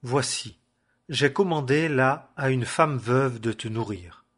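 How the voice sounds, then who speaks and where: A man's voice: medium pitch, takes it slowly, a bit bright, slightly rough. A man voicing the commanding divine voice in a scripture reading, speaking in a solemn, directive way. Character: commanding divine voice, male, stern.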